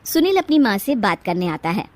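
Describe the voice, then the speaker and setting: A woman narrating a family cartoon story in a plain, steady storytelling manner. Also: medium pitch, a little fast.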